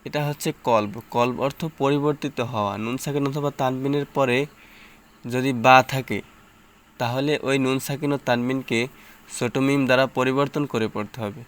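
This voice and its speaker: In this slow recitation drill, a man's smooth, medium-pitched voice moves at a normal, steady pace. He names each letter and vowel mark individually before chanting the joined syllables, teaching how to read the Quran.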